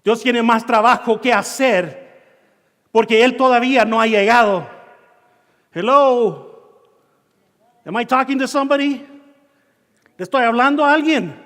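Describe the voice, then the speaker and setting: A man preaching a sermon, telling a personal story and acting out his own shouts and dialogue, in a church hall. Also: extremely high pitch, a little slow, long pauses. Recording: long reverb of a church hall.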